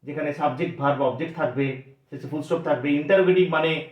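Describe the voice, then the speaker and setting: A man's voice: fairly high pitch, fast talker. A man teaching a grammar lesson for exam preparation, explaining step by step and asking his students questions that he then answers himself. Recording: echoey, dull lo-fi recording.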